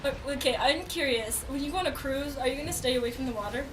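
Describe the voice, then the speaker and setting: A woman guest in a casual podcast chat, excitable and jumpy. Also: sits high, fast. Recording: music playing behind.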